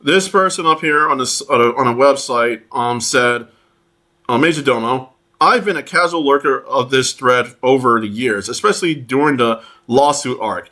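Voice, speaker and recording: A man commenting on online posts, reading them aloud in a halting way with many fillers and restarts. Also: mid-range voice, pushed and bright. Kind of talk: casual commentary over screenshots.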